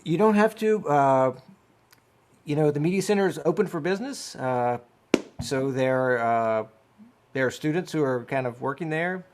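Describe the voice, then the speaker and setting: A man's voice: on the high side, moderate pace, noisy background. A man from the media center answering questions in a laid-back, hesitant way, with frequent fillers, over a video call. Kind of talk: casual Q&A answers.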